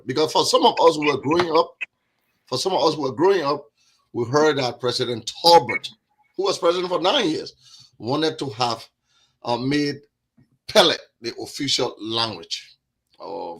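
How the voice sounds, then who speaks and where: A man's voice: mid-range voice, a bit bright, husky. A man with a Liberian accent, a guest on a discussion podcast, talking earnestly and repeating words as he builds his point.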